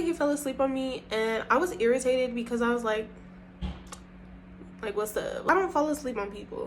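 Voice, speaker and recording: A young woman recounts a dating story in a casual vlog, animated and quick to swear. Her voice sits a little high. A faint hiss runs underneath. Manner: animated, profane, breaks into laughter. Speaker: storytime vlogger.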